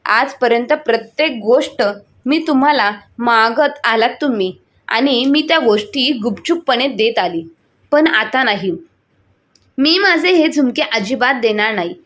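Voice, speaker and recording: A woman's voice: fairly high pitch, lively intonation, measured pace, a bit bright. A woman voicing a young daughter-in-law who is hurt but stands firm, refusing defiantly.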